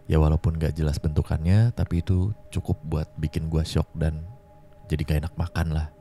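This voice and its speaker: A man hosting a podcast, reading out a listener's ghost story in a slangy, conversational way and slowing down for suspense. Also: rumbling low, dark tone. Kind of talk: casual horror storytelling. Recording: clear music bed behind. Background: music.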